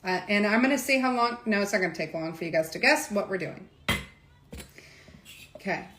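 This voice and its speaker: A woman's voice: mid-range voice, expressive, a little fast, noisy background. Chatty woman demoing cocktails, echoey room. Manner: chatty, talks straight to viewers with many asides. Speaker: cocktail demo host. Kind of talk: casual live cocktail demonstration. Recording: echoey room with faint clatter.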